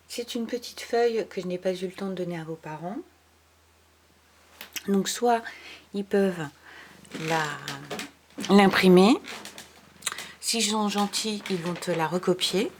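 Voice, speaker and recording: A woman teacher giving a remote spelling lesson to young children, patient, spelling out letters one by one and dropping into soft asides. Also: lowish voice, a little hiss or hum. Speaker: primary school teacher.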